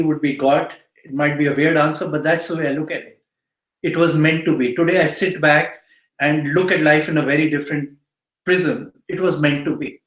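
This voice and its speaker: A middle-aged man with an Indian accent, speaking earnestly as an interview guest and repeating phrases for emphasis. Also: a little high. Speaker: guest speaker, cancer patient support volunteer. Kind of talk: earnest interview answers and motivational advice to youth. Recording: roomy, echoing sound.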